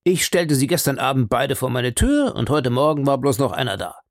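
A man's voice: medium pitch, a little fast, dry recording, studio quality, lightly acted. A man reading an audiobook, voicing a plain-spoken, somewhat impatient young baronet who talks in a colloquial way. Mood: complaining. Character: blunt, outspoken young male baronet raised abroad.

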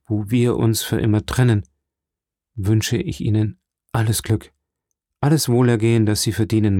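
A man voicing a dying old priest in an audiobook, slow, earnest and fatherly, weak and failing. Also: lowish voice, warm tone, no echo, studio quality, close to an everyday voice. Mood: tender. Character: dying old male priest, gentle and solemn. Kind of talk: audiobook character reading.

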